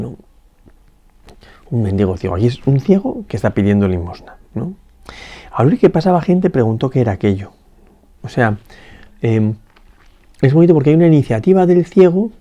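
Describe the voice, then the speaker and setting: Mellow-voiced man giving a reflective meditation. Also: mid-range voice. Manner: unhurried and reflective, with many pauses, restarts and tag questions. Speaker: priest. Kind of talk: spoken meditation on a Gospel passage. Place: parish church.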